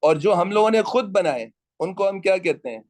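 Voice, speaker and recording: High-voiced man lecturing a class. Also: lively intonation, moderate pace. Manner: teasing asides to latecomers, quizzing students. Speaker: economics teacher. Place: classroom with students.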